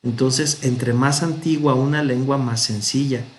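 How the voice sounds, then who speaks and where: A man with a Mexican Spanish accent leads a grammar lesson at an unhurried, deliberate pace. He explains each rule step by step and pronounces the example words with care. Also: mid-range voice, steady tone, a little hiss or hum. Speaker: Hebrew teacher.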